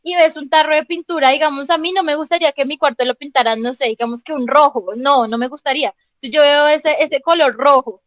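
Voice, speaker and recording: A woman's voice: high-pitched, fairly even intonation, fairly quick, few pauses, fairly bright tone, no echo, low-quality recording. A woman teacher explaining grammar in an online class, patiently checking understanding with frequent questions and calling on students by name. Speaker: English teacher.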